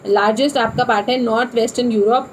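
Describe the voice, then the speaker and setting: A woman's voice: fairly high pitch, fairly even intonation, fast talker, a little hiss or hum, poor audio. A young woman teaching an exam revision lesson, explaining in a talky way and repeating key points, mixing Hindi with English terms.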